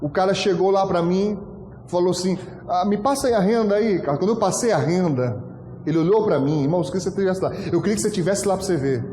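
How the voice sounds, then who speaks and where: A pastor preaching a storytelling sermon, animated and acting out dialogue with frequent laughter. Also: male voice, sits high, fast, a little hiss or hum. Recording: echoey hall with long reverb.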